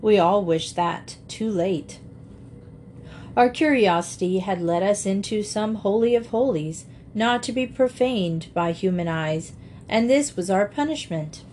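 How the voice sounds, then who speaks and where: Woman narrator, mid pitch, steady expressive storybook reading. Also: a little slow, slight background noise. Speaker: audiobook narrator.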